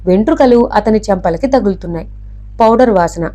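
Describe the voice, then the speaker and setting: A woman reading a detective novel aloud in a steady, even storytelling voice. Her tone is mellow and warm, at a middle pitch for a woman. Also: a little fast. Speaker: narrator.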